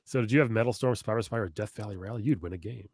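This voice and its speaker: A man co-hosting a casual podcast, laughing a lot, swearing casually and throwing in quick asides while reading old magazine letters. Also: fairly low pitch, a little mellow, slightly rough, no room sound, clean studio sound. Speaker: podcast co-host.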